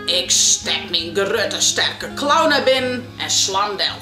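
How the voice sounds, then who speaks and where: A woman voicing a big, strong, boastful bear in a children's storybook, speaking slowly and heavily. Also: medium pitch, animated, roomy sound, music in the background, pitched below the performer's own voice.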